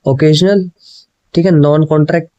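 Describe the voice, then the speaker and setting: Hindi-exam teacher, man, mellow voice. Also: fairly high pitch, steady tone, moderate pace, no echo, lo-fi sound. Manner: mixes Hindi and English, repeats answers, keeps asking "ठीक है?". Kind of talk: explaining exam questions.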